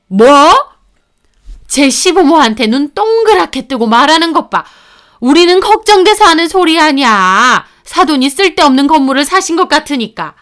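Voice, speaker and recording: A woman voicing a scornful, sharp-tongued older mother-in-law in a narrated story. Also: high-pitched, very animated, normal speed, pitched above the performer's own voice. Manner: scolding, condescending.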